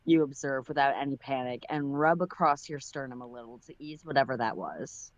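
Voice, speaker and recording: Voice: mid-range voice, brisk, no room sound, highs cut off. A livestream host reading a fan-written story aloud in a casual narrating manner with asides. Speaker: story reader.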